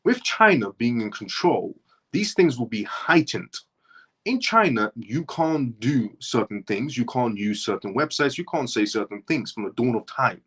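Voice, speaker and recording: An Iranian livestream host with a medium-pitched, expressive, somewhat slow, slightly bright and husky voice delivers an impassioned opinion monologue. He drives his points home by repeating them and often restarts mid-phrase.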